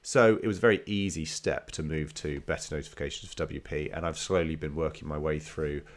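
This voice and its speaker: A man with a very low-pitched voice that sounds nasal and congested with a slight cold. He talks casually, as the host of a podcast. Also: steady tone, a little fast. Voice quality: nasal, stuffed-up voice.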